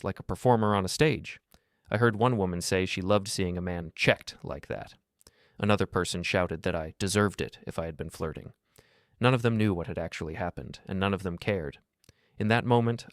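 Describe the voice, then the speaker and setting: A man with a very deep voice tells a first-person story in steady, scripted narration. His delivery stays calm and measured throughout. The sound is dry and close, with no room around it. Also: no room sound.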